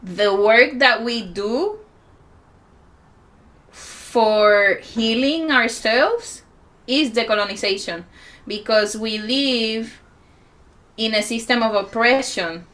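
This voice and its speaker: A woman in her forties speaks with a Puerto Rican accent, slowly and reflectively, at a conference. Her tone is bright and forward, and she stops often to gather her thoughts. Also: on the high side. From Puerto Rico. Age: 40s. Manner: unhurried, reflective, with many pauses and fillers. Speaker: musician and healer speaking at a conference. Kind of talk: conference talk.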